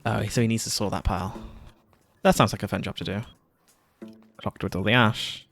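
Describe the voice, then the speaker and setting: A man's voice: fairly low pitch, steady tone, moderate pace, vocal fry, fairly bright tone, faint music behind. Chatty male streamer, laughing often. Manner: chatty, laughs often, reads game text aloud. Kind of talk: casual gaming commentary.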